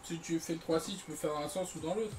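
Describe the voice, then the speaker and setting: A man's voice: a little high, fast. A man in casual gaming chat, giving tips and short reactions to other players. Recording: loud background noise, clicking controls. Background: loud noise and clicks.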